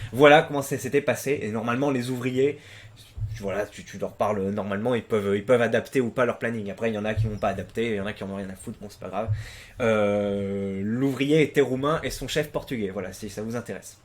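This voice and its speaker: A young man from France riffs on viewer stories in a loose, offhand way, full of fillers and restarts. His talk is crude and slangy. When he tells his own stories he breaks into loud, animated bursts. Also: mid-range voice. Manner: rambling, hesitant with frequent fillers and restarts; crude slang, swears freely. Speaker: YouTube host reading viewer posts. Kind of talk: casual commentary on forum posts.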